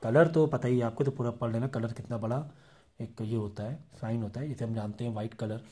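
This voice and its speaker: Guy teaching a class, warm mellow voice, explains step by step, keeps asking if ur following. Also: medium pitch, slightly rough. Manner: explains patiently with frequent check-ins to students; reads English textbook passages slowly. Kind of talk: classroom lecture.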